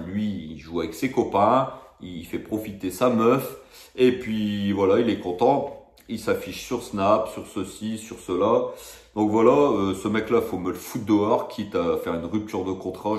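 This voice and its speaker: Low-voiced man in an exasperated comic rant. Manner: escalating, comic exaggeration with blunt slang; emphatic, repeats key phrases. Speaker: football fan commentator. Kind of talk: exasperated football rant, casual direct address to viewers. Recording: echoey, roomy sound.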